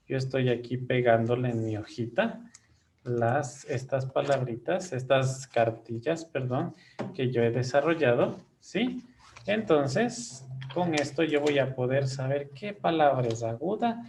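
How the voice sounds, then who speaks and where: A man's voice: medium pitch, slight background noise. A man teaching a classroom lesson, explaining each step patiently and checking in with his students often.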